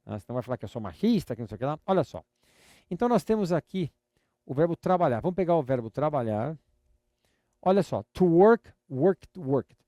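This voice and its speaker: An older Brazilian man teaches a live lesson in a slightly high, mellow voice. He drills each word patiently and repeats himself often, with a playful, teasing edge. The sound is dry and close. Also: sing-song, fairly quick, dry recording. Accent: Brazilian Portuguese. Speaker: English teacher.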